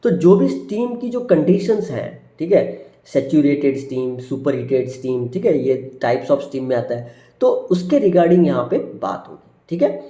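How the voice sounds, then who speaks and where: A male engineering lecturer with a slightly raised, soft, mellow voice, recorded in a roomy, echoing space. He reads out technical one by one, each dropping at the end. He keeps tagging "ठीक है" onto his points and calls his viewers friends. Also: on the high side, sing-song, a little slow. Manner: addresses viewers as friends, repeats "ठीक है" constantly; lists terms one by one, falling at each item. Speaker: engineering teacher. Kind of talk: subject introduction lecture over slides.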